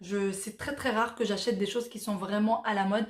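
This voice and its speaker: In an echoey room, a woman in her thirties who was born in Morocco speaks at a moderate pace in a steady, medium-pitched voice. Her vlog is a laid-back Q&A where she reads out viewers' questions and responds with many fillers.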